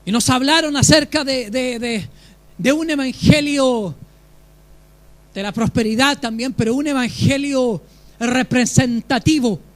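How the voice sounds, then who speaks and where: A man delivers a sermon as a pastor, with a voice pitched unusually high for a man. He preaches with emphasis and keeps turning to the congregation with questions. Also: a little slow.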